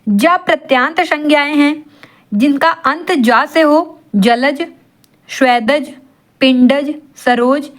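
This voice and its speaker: A woman's voice: high-pitched, slow pace. A woman tutoring for an exam in Hindi, asking rhetorical questions and answering them herself, mixing in English terms. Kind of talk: classroom-style exam lesson.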